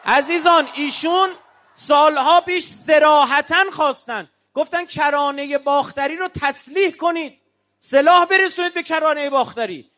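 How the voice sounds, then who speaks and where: Fiery, high-pitched man giving a speech. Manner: fiery and declamatory, with bursts of shouting. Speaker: speaker addressing an audience. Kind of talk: impassioned political speech. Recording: dull lo-fi recording.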